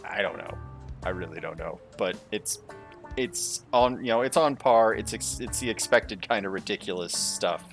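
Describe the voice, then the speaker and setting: A man's voice: fairly low pitch, moderate pace, soft background music. A man giving casual, informal gameplay commentary, reacting aloud as he plays. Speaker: gamer playing a story game.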